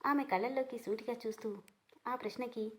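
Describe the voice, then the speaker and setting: A woman storyteller reading a written story aloud. Her delivery is steady and measured, a plain read-aloud narration. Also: a little high. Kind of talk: scripted narration.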